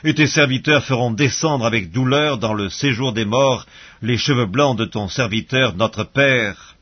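Husky humble guy begging a ruler, man reading it out, dull lo-fi sound. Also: mid-range voice, measured pace. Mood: pleading. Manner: humble, beseeching. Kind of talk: bible reading.

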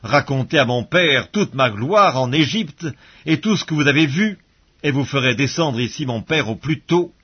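A man reading the part of a forgiving grown ruler speaking earnestly to his brothers, in a husky voice, in a bible reading. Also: medium pitch, animated, normal speed, muffled recording.

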